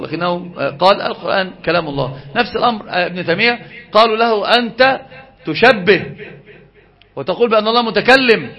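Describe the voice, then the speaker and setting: A man giving an animated Islamic lesson, asking his listeners questions and answering them himself. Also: sits high, dull audio. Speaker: religious teacher.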